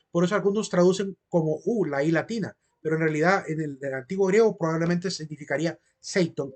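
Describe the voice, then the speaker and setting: High-voiced man teaching a philosophy class. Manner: explanatory, repeats phrases and asks "¿verdad?". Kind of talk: online class lecture.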